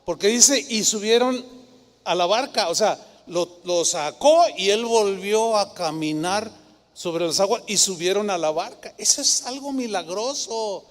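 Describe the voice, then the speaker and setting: Animated Mexican pastor preaching. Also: male voice, high voice, measured pace, big-room sound. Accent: Mexican Spanish. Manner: animated storytelling, mimics skeptics and acts out quoted voices. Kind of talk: sermon.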